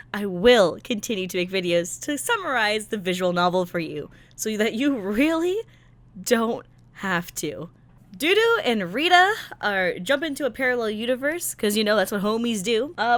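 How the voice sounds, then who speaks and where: A content creator reviewing a visual novel gives a casual, slangy recap, full of sarcastic, exasperated asides and theatrical emphasis. Her voice is fairly high and fairly bright, with no echo.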